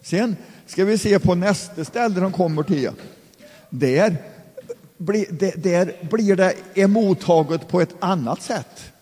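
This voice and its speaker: A man leads an informal Bible study, reading verses aloud and then explaining them in a halting, stop-start way. His voice is fairly high for a man, yet mellow and slightly husky. The sound carries a long reverb, as if from a church hall. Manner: halting, many restarts, explains in plain words.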